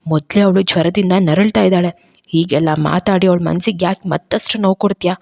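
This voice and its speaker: A protective middle-aged mother, as a woman narrator voices her, speaking with gravity and firm reproach. The voice sits low and is recorded close and dry, with no room sound. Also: darkish tone, no echo. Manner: grave, firm scolding.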